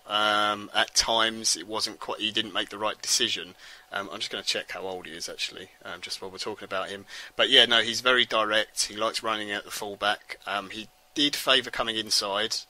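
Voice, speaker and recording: Bright-voiced man talking football on a podcast. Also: lowish voice, rough recording. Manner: rambling, with frequent ums and restarts. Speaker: podcast host. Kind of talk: casual football podcast analysis.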